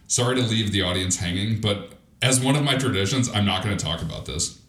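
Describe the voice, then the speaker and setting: A man with a fairly low voice co-hosts a laid-back podcast chat. He rambles and restarts his sentences, laughing easily. The sound is roomy and echoey. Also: a little fast, a bit bright. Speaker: podcast co-host. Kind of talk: casual chat.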